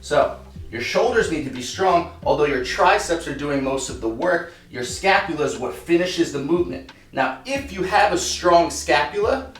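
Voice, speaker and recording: Animated and moderately paced, a fitness coach with a fairly bright, higher voice teaches proper push-ups in a workout tutorial. He demonstrates while he talks and is short of breath at times, with soft background music and a distant mic in an echoing room.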